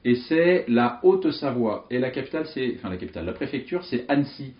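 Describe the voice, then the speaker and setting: A man explaining memory tricks with lively, playful energy and vivid mental images. His voice sits in a middle register. The sound is slightly dull and roomy. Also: medium pitch, a little fast. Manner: lively, animated, jokey storytelling with vivid images. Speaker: memory coach. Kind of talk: explanatory teaching monologue.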